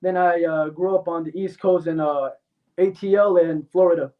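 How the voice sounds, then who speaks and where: A male interview guest, an MMA fighter born in Mexico, keeps a steady tone and moderate pace in his high-pitched voice while answering bluntly and confidently with many fillers. The recording sounds tinny and phone-like from far off.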